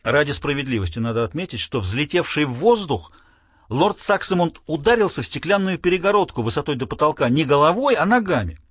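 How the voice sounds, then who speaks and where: Male audiobook narrator: lively, wry, dry close recording. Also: fairly high pitch, no room sound. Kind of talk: scripted narration.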